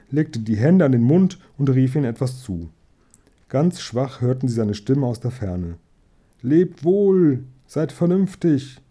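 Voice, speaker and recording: Man reading a storybook, very dark tone. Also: medium pitch, slightly rough. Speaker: audiobook reader. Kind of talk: storybook narration.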